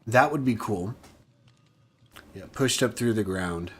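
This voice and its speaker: A man's voice: lowish voice, takes it slowly, a bit bright, breathy edge. A man hosting a gaming channel, giving casual, goofy gameplay commentary as he plays. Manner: chatty, goofy and self-mocking.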